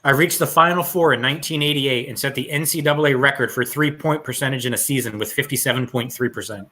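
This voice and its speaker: A man's voice: mid-range voice, fast, pushed and bright. A man hosting a casual trivia podcast over a call, reading clues aloud and laughing easily. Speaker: trivia quiz host.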